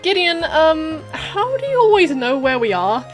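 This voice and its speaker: A woman's voice: extremely high pitch, very animated, a little slow, soft background music, heavily acted. A woman voicing a blunt, spirited teenage girl trainer in a cartoon game story. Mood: casual, curious. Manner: casual, outspoken.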